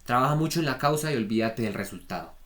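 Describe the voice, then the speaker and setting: Guy teaching trading mindset, blunt and repetitive, keeps tossing in check-ins, medium pitch. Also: lively intonation, quick pace, fairly bright tone. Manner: frank, repetitive, peppers talk with "¿vale?". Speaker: trading coach. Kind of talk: spoken lesson on trader psychology.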